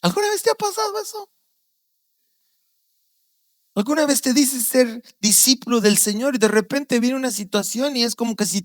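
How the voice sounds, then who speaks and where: Earnest Guatemalan pastor preaching. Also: male voice, dry recording. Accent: Guatemalan Spanish. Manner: storytelling, acting out quoted voices with sudden loud outbursts; earnest, drops low and quiet on serious points. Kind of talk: sermon.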